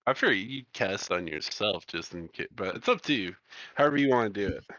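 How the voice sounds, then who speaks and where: A man running a tabletop game as game master, narrating in a relaxed way and chuckling along with the players. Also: on the low side, fairly quick, no echo. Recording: dull lo-fi dry mic.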